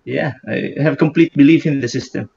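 A man's voice: medium pitch, brisk, creaky, dark tone, slightly rough. A man in his fifties on a video call, talking animatedly and often ending points with a questioning "no?". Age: 50s. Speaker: guest speaker. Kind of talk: casual video-call interview. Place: indoor room with bookshelves. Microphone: earphone mic on video call. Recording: dull lo-fi video call audio.

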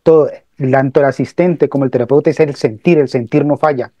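A man joining a casual spiritual talk, explaining calmly and asking his listeners questions. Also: medium pitch, brisk, dry recording, dull audio.

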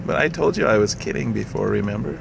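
A man chatting casually, amused and coaxing, asking short, gentle questions. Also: lowish voice, expressive, fast talker, gravelly. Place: inside a car. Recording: road noise inside a car.

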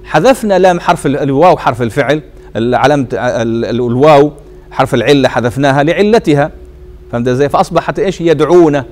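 A man from Tunisia teaching a grammar lesson. He keeps asking the class short questions and answers them himself, and he drags the example words out slowly and says them twice. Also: fairly high pitch, darkish tone. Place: teaching circle in a mosque hall.

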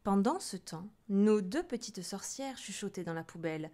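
Woman reading a story aloud, lively. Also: mid-range voice, normal speed. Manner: lively, theatrical. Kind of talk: expressive read-aloud storytelling.

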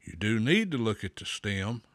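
A man hosting a pipe smoking show, giving slow, folksy advice with a pipe in his mouth. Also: fairly low pitch, big pitch swings, a bit bright, dry recording. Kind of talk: casual talk to camera.

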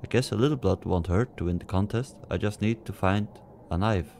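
A man's voice: on the low side, brisk, darkish tone, slight background noise. A man casually commenting as he plays a horror game, muttering to himself with jumpy, nervous asides. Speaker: let's play gamer.

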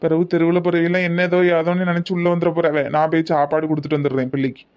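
A woman's voice: low-pitched, little pitch movement, racing, lo-fi sound, close to an everyday voice. A woman voicing an exasperated middle-aged village husband in a cartoon comedy, brusque and weary.

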